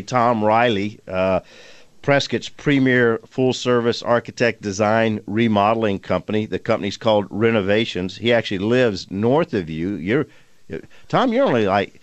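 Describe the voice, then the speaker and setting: A man's voice: lowish voice, lively intonation, moderate pace, no echo. Older man hosting a call-in radio show.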